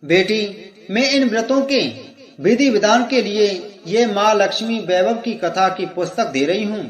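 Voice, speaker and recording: A kindly old temple woman gently comforts and instructs, voiced by a male storyteller. She speaks in a soothing, motherly way. The voice is high and rings in an echoey room. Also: unhurried. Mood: instructing.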